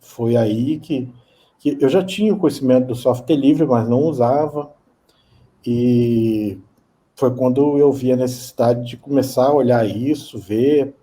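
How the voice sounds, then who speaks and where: Slow, dark-voiced Brazilian man in his fifties. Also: mid-range voice. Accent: Brazilian Portuguese. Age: 50s. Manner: hesitant, repeats words. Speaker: guest. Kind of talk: interview answers.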